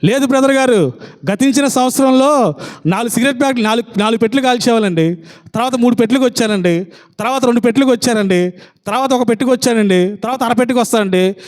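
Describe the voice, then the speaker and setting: A man's voice: extremely high pitch, fast talker. Man voicing young smoker, sheepish, polite excuses, sermon illustration. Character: young man excusing his smoking habit.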